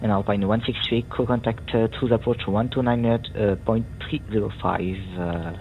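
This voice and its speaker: A man working as a tower controller, giving instructions over the radio in a halting delivery. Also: fairly low pitch, fairly even intonation. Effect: aviation radio transmission. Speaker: air traffic tower controller. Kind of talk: air traffic control radio phraseology. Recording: tinny radio band with faint noise.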